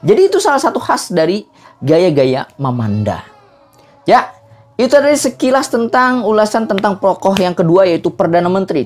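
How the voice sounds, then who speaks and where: A man from South Kalimantan, explaining traditional theater in a lively way, with frequent "eh" fillers. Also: a little high. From South Kalimantan, Indonesia. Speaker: cultural presenter.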